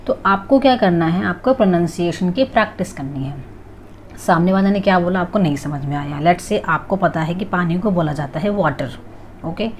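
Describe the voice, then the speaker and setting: A woman's voice: lowish voice, a little mellow, slight background noise. A woman giving a casual spoken English lesson, explaining patiently and often checking in with "alright" and "okay", mixing English phrases into her talk. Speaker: English teacher.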